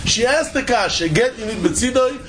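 High-pitched man teaching. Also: a little fast, a little hiss or hum. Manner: animated rhetorical questioning, repeats phrases for emphasis. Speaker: Talmud teacher. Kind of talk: informal Talmud lecture, question and answer.

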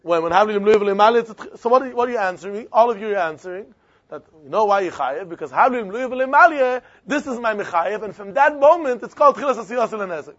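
A man with a strikingly high voice and a Yiddish accent leads an interactive Talmud lesson. He argues his way along, firing and repeating rhetorical questions in yeshiva idiom. The recording is dull and lo-fi. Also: expressive, quick pace, a bit bright. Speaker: Talmud teacher.

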